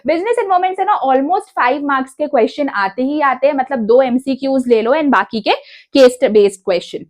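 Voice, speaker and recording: A woman's voice: high voice, fairly quick. A young woman giving exam strategy advice to students, direct and insistent, dropping English phrases into her talk. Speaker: educational YouTuber.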